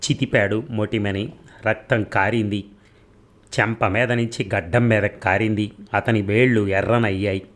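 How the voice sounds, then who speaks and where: A middle-aged man narrates a story in a low voice. His reading is steady and measured, and he gives the characters' lines their own turn without breaking the flow. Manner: steady reading, voicing dialogue of both lovers.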